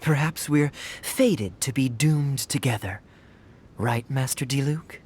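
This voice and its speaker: Taking his time, the actor gives the suave knight captain a medium-pitched, darkish voice with a breathy edge, sounding wry and teasing. It's game audio from a cutscene, with quiet music behind.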